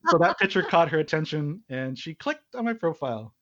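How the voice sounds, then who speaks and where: A man from Hawaii, a guest on a podcast, telling a long story with restarts and little chuckles. His voice sits at a middle pitch. It comes over a remote call with muffled, lo-fi sound. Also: big pitch swings, brisk, a bit bright. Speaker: podcast guest, marriage and business consultant. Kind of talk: conversational storytelling.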